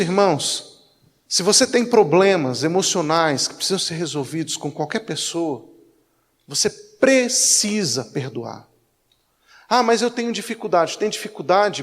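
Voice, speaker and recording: Gravelly, high-voiced Brazilian pastor preaching. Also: male voice. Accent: Brazilian Portuguese. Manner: conversational preaching with acted-out anecdotes. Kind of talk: sermon. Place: church. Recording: echoey church hall.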